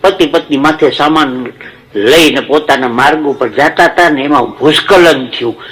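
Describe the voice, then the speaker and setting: Male stage comedian, folksy moralizing storyteller, slightly raised pitch. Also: moderate pace, a bit bright, low-quality recording. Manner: preachy storytelling with proverbs. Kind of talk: folksy stage joke-telling.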